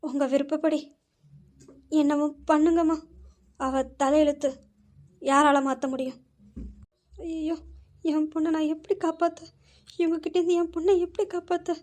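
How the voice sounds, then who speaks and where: A woman's voice: high-pitched, flat delivery, moderate pace, long pauses, a little mellow, natural voice. A woman voicing a timid middle-aged housemaid mother who pleads hesitantly with her employer. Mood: pleading.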